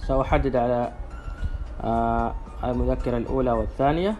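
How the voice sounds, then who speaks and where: Male software instructor, average pitch, halting step-by-step delivery, faint background music. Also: steady tone. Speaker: tutorial presenter. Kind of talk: step-by-step spoken software demonstration.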